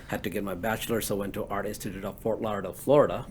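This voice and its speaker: A man from Bangladesh in his forties, answering interview questions in a relaxed, rambling way with many fillers. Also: lowish voice, very fast, a little hiss or hum. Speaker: guest entrepreneur.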